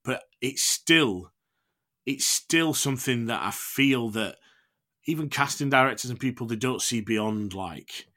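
A man's voice: mid-range voice, lively intonation, measured pace, pushed and bright. A man in his thirties with a Yorkshire accent, talking informally and reflectively in a candid interview. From Yorkshire, England. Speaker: actor, podcast guest.

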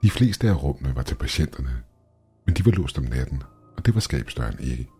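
A man reading a scripted horror story aloud, with tense, measured storytelling. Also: rumbling low, animated, dark tone, slightly rough, soft background music. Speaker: horror podcast narrator.

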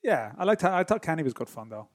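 A man's voice: on the high side, big pitch swings, quick pace. A man with an Irish accent co-hosting a podcast in casual banter, wry, teasing and a little contrary. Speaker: podcast co-host.

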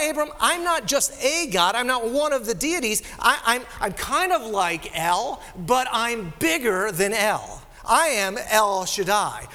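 The long echo of a large sanctuary surrounds this live sermon. The man delivering it has a high, nasal voice and an animated, chatty style, often turning aside to address the congregation directly.

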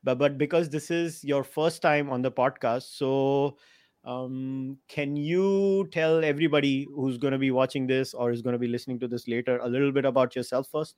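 A man's voice: medium pitch, steady tone, moderate pace, a little mellow, no room sound, clean studio sound. A man with an Indian accent hosting a podcast, interviewing his guest in a conversational style. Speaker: podcast host.

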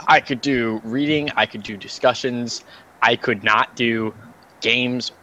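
A man's voice: medium pitch, fairly even intonation, takes it slowly, pushed and bright, rough recording. Dry, teasing man in casual chat. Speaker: podcast co-host.

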